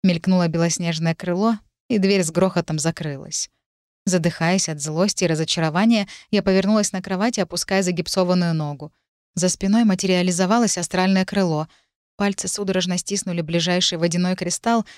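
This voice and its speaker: A woman narrating a first-person novel with expressive, emotional reading. Her voice sits low for a woman, and the recording is dry and close with no room echo. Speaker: audiobook reader.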